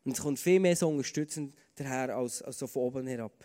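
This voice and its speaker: Earnest Swiss German preacher in a reverberant hall. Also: male voice, mid-range voice, quick pace, warm tone. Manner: earnest, conversational, with fillers and repeated starts. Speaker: pastor. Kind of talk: sermon with personal stories.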